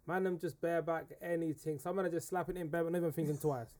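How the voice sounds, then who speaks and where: A man's voice: a little high, steady tone, racing, darkish tone. A man in his twenties with a London roadman accent, chatting casually in heavy street slang, emphatic, swearing and repeating himself. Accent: London roadman, urban street. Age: 20s.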